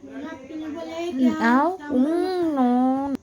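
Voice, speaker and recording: Teacher explaining a story. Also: female voice, sits high, drawn-out words, a crowd in the background, rough recording. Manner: rereads lines, then paraphrases with rhetorical questions. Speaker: school English teacher. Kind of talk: explaining a textbook story line by line.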